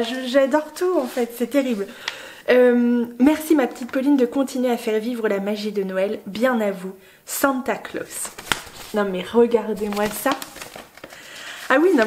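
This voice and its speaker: A young woman vlogging casually, excitedly gushing over a book gift she unboxes. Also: a little high, slight background noise. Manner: gushing, excitable, many exclamations.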